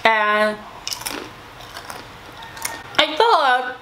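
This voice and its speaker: High-voiced young woman chatting, noisy background. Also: sing-song, drawn-out words, pushed and bright. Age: young adult. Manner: chatty, informal, addresses listeners as guys. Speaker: YouTuber telling a personal story to viewers. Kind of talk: casual storytime chat to camera.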